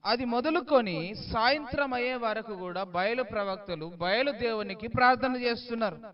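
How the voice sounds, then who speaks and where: A man preaching a sermon, who tells the story dramatically and swings from loud calls to low asides. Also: normal speed, dull audio. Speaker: pastor.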